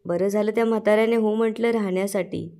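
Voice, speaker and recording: A scheming, hard-drinking middle-aged man who grumbles as he plots, as a woman reads his lines. He talks in a low, grumbling, plotting way. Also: steady tone, quick pace, warm tone, lightly acted.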